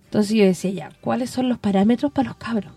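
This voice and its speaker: A middle-aged Chilean woman telling stories on community radio in a casual, animated way, acting out the voices of the people she quotes. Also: on the high side, quick pace, slightly rough, no echo, soft background music. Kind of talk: casual conversational storytelling.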